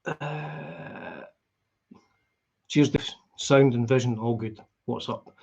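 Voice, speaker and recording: A middle-aged man with a broad Scottish accent and a husky voice, chatting casually and in a rambling, conversational way as he hosts a live stream. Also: mid-range voice, slow, warm tone, dull audio. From Scotland. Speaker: guitar vlogger hosting a live stream. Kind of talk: casual chat.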